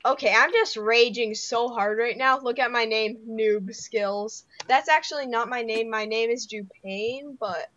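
A young woman casually commentating her own game play as a channel host, excitable and rambling. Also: on the high side, unhurried, few pauses, lo-fi sound. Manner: excitable, rambling, giggly asides.

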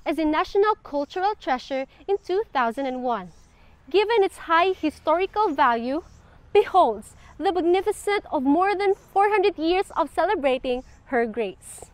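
A woman's voice: extremely high pitch, expressive, moderate pace, no echo. A woman, hosting and presenting a memorized script with cheerful energy, on a lapel mic at an old stone church. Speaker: program host.

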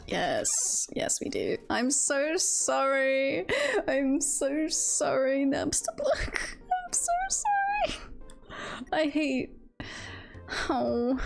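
A woman with a high voice and vocal fry streams a video game, chatting casually and reacting out loud. She is playful and giggly throughout this casual livestream chat and game commentary.

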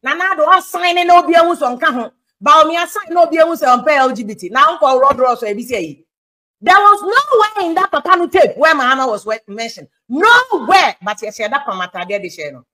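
Ghanaian woman, political commentator, high voice, animated delivery. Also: a little fast, rough recording. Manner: animated, switching between English and Twi. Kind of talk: political talk show commentary.

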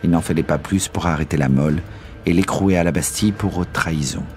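A man narrating a classic novel in a measured storytelling voice over faint music. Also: deep voice, darkish tone. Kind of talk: scripted literary narration.

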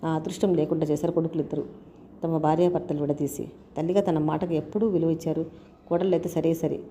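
A woman's voice: low voice, fairly even intonation, fast, warm tone, slight background noise. Woman reading a story aloud. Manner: reads all characters' dialogue in her own voice. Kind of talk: scripted story narration.

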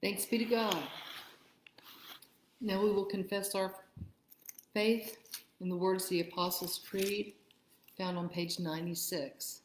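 A woman leading a church liturgy, reading prayers in a measured, steady way, with a roomy church echo. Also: mid-range voice, a little hiss or hum. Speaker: worship leader. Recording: echoey room.

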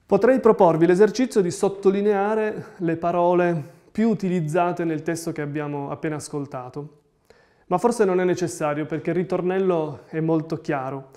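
High-voiced man preaching calmly. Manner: measured, reflective preaching. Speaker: pastor. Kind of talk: sermon. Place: room with bookshelves, indoors.

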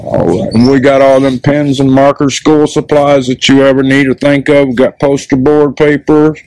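A man's voice: mid-range voice, level tone, normal speed, darkish tone, dry recording, low-quality recording. A man live-streaming a walk through a discount store, joking and rambling in a folksy way, into a handheld phone. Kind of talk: casual live-stream shopping commentary.

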